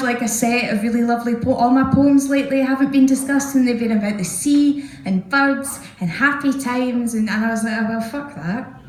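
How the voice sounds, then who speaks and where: A Scottish woman doing a live stand-up set, telling chatty, self-mocking stories into a stage mic. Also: fairly high pitch. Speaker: stand-up comedian. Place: small bar stage, indoors. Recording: echoey live venue.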